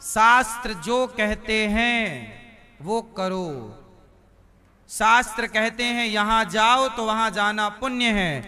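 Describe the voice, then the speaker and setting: A man's voice: high-pitched, fairly even intonation, slow, pushed and bright, soft background music. A man preaching a sermon, asking the audience questions and answering them with emphasis.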